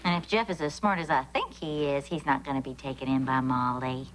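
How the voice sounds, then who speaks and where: An actress playing a gentle, encouraging mother in a sitcom. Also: rumbling low, fairly even intonation, a little fast, slight background noise. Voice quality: soothing, encouraging. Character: gentle, wise mother of a teen. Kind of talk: 1990s sitcom acting.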